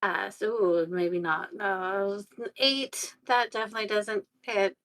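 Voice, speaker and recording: A woman's voice: mid-range voice, fairly even intonation, takes it slowly, a bit bright. A woman playing in a tabletop game, hesitant and polite as she rolls. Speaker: player. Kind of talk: casual game play.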